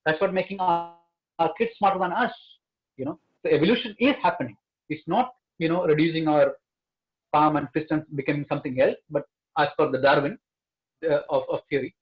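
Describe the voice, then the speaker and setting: A man's voice: a little high, fairly quick. Emphatic man on a lo-fi line. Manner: earnest, emphatic, repeats key words. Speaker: panelist. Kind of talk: panel discussion.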